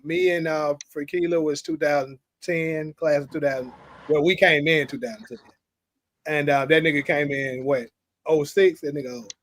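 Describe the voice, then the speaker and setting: A man's voice: fairly high pitch, fairly even intonation, moderate pace, no room sound. A man hosting an online panel, talking casually with loose jokes and slang over a video call. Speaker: show host.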